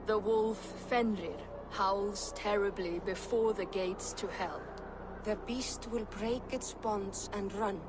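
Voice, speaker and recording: An actress voicing an ancient, all-seeing fate spirit in a video game, solemn, cold and cryptic, as if intoning prophecy. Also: female voice, medium pitch, fairly even intonation, slow, background noise, lightly acted. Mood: ominous. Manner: solemn, oracular, cryptic chanting delivery. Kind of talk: dramatic video game acting.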